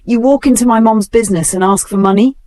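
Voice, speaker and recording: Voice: medium pitch, fast talker, a little mellow, no room sound, voice pushed up, close to an everyday voice. The narrator voicing a wronged young woman who speaks coldly and firmly. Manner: cold and firm. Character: wronged young woman, hurt turning cold.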